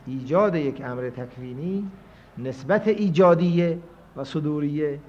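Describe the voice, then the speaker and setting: A man teaching a scholarly lecture, reasoning aloud and moving between quiet stretches and emphatic points. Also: on the high side. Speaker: seminary teacher. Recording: dull lo-fi lecture recording.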